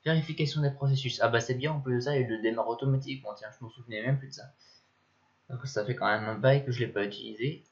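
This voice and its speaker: A man's voice: mid-range voice, steady tone, quick pace, gravelly. Young guy, mid-range voice, chatty tutorial narration that rambles and mutters. Muffled lo-fi mic. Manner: rambling, thinks aloud, mutters at software. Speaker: tutorial maker. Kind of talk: casual screen-recorded tutorial. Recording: dull lo-fi mic.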